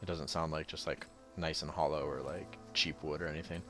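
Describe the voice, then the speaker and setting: A man from the United States working as game master, narrating casually and haltingly as he improvises. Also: very deep voice, steady tone, a bit bright, soft background music.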